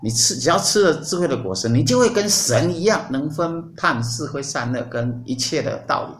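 A man's voice: a little high, expressive, brisk, reverberant, a little hiss or hum, natural voice. A man voicing a sly tempting serpent in a retold storybook tale, speaking in a coaxing, persuasive way.

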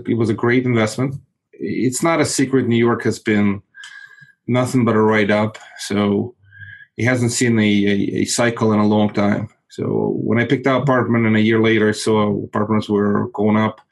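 The audio is poor as a forties-aged Moldovan man, native in Russian, calmly talks through his real estate investments in an informal interview. His voice is fairly low and creaky, and he repeats words frequently while searching for them.

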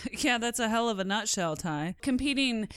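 A woman hosting a podcast, upbeat and quick to laugh, reading a scripted intro and then interviewing a guest. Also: on the high side, expressive, fairly bright tone, clean tone, no room sound, clean studio sound. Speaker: podcast host.

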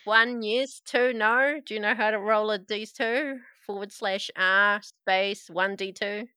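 A woman's voice: mid-range voice, fairly even intonation, measured pace, sharp tone, smooth, no room sound, studio quality. A woman game master narrating a tabletop game with casual banter and a wry, sarcastic manner.

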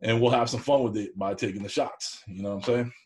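The co-host of an online cooking show, here an interview guest, talks fast in a lowish, darkish voice with fairly even intonation. His casual conversation is rambling, folksy and plain-spoken, the way a show host might talk.

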